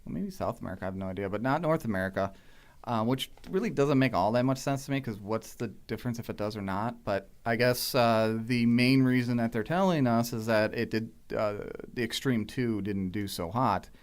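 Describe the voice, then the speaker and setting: A man co-hosting a casual gaming podcast, relaxed and low-key, often trailing off softly. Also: fairly quick. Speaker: podcast co-host.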